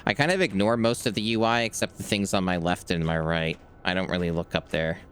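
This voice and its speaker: A man with a very low voice chats in a relaxed, easygoing way while streaming a video game. He speaks into a desk mic, with a faint hiss of noise behind him. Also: fairly quick. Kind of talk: casual gameplay chat.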